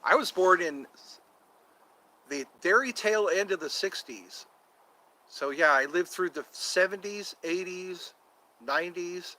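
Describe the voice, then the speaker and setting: The audio quality is poor: an American man in his fifties talks casually with his livestream viewers, one tangent leading to the next. He has a somewhat high, bright voice with a forceful edge, and he repeatedly breaks off into short impersonations between asides.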